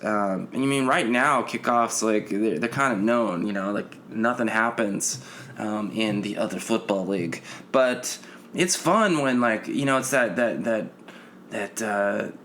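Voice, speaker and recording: A man's voice: mid-range voice, a bit bright, slight background noise. A man hosting a casual solo sports podcast, rambling and restarting his sentences often. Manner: rambling, full of restarts and fillers. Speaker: podcast host.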